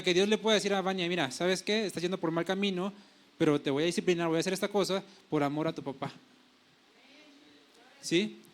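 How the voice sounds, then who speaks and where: High-voiced male pastor preaching. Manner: preaching with paraphrased dialogue and self-corrections. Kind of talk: sermon.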